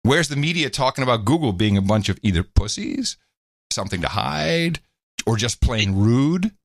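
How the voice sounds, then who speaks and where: A man's voice: medium pitch, normal speed, gravelly, no room sound, clean studio sound. A man co-hosting a podcast, giving casual, sarcastic political commentary with sudden leaps into mocking voices. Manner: animated, sarcastic, jumps into mock voices. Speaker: podcast co-host.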